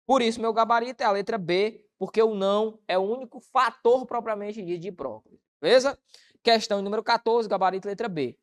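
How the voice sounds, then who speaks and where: A woman with a Brazilian Portuguese accent teaches an exam-prep grammar lesson, posing rhetorical questions and answering them herself in a colloquial way. Her voice is medium-pitched and brisk.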